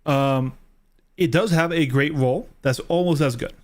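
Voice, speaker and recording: A man's voice: on the high side, measured pace, darkish tone. A man streaming a game, explaining things step by step in a casual way and often checking in with "right?" and "okay?".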